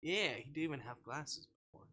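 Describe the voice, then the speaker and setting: Live-streaming a visual novel, a man reacts casually, animated and giggly, as he comments and chats with viewers. His voice is on the high side at a normal speed.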